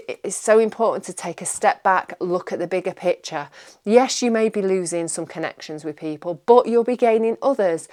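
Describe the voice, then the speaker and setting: Rambling, reassuring woman tarot reader. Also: mid-range voice. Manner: rambling, repeats words, reassuring. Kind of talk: casual tarot reading monologue.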